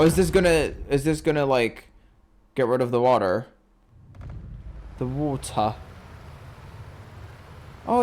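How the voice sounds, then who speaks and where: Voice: mid-range voice, darkish tone, a little hiss or hum. A streamer with a put-on British accent, doing chatty, playful gaming commentary and swearing freely.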